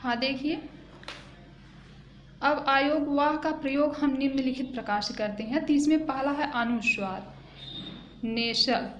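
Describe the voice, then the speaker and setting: High-voiced woman teaching in an echoey room. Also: steady tone, highs cut off. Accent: eastern Uttar Pradesh Hindi. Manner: slow, explaining, repeats and asks "है ना". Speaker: school teacher. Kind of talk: grammar lesson to schoolchildren. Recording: echoey room with faint noise.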